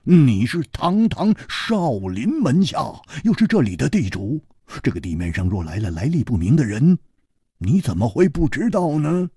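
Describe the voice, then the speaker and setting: A man's voice: mid-range voice, sing-song, moderate pace, warm tone, husky, dry recording, studio quality. A man voicing a carefree, teasing male wandering hero in an easygoing manner.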